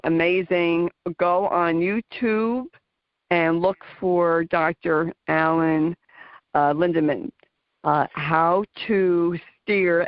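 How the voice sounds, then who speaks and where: On the low side and with no echo, this radio talk show host from New Jersey chats through a casual interview in her local accent. She's gushing and talkative, leaning on many fillers, and the dry radio sound is muffled.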